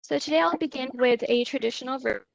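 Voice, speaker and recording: A woman giving a webinar presentation from prepared slides over a video call, pausing on fillers, her audio choppy and glitching as it keeps cutting out. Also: high voice, gravelly, dry recording, dull audio. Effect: choppy, glitchy audio that keeps cutting out over a bad internet link. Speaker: presenter at a consumer-affairs webinar. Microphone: computer mic on a video call.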